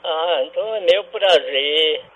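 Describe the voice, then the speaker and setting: Comic old-man prank caller, put on by a man, high and rambling, dodging every question over a dull lo-fi line. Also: slow. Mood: confused. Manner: rambling, evasive, answers beside the point. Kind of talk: radio prank call.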